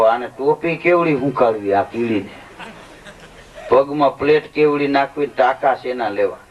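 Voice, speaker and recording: A man telling comic stories on stage at a folk show, with lively joke-telling and quoted dialogue. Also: medium pitch. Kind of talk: stage storytelling comedy. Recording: lo-fi live recording from a distance.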